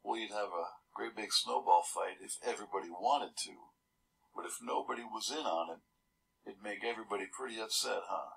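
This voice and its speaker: Man, low gravelly voice, storybook reader with easygoing asides. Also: fairly quick, fairly bright tone, rough recording. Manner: adds chuckling, casual asides between pages. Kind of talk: children's story read-aloud.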